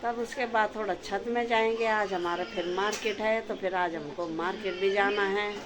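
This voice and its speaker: A middle-aged woman chatting casually to viewers in a home vlog from her kitchen and rooftop, loudly scolding her dog at times. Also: medium pitch, steady tone, moderate pace, noisy background. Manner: chatty, addresses viewers as friends. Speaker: vlogger.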